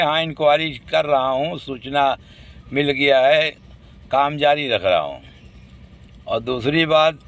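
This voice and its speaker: A man's voice: mid-range voice, gravelly. A man speaking to the public in a casual monologue, indignant and complaining.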